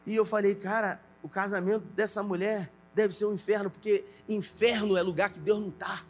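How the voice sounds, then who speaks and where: A man's voice: high voice, level tone, fairly quick. A male pastor preaching a sermon, telling stories with quoted dialogue and building to emphatic passages.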